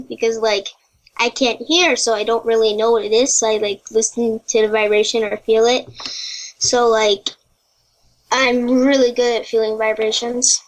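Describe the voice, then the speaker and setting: A ten-year-old girl talking as a podcast guest, telling stories in a chatty way with many "like" fillers and quoting other kids in lively voices. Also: on the high side, poor audio. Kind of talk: casual chat.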